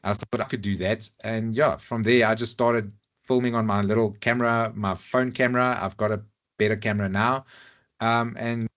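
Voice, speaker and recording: On a lavalier mic, a rugby YouTuber appears as a podcast guest, speaking English with an Afrikaans accent, his first language being Afrikaans. His voice is lowish and a bit bright, with fairly even intonation and a moderate pace. In this casual chat he's candid and self-deprecating, often restarting hesitantly.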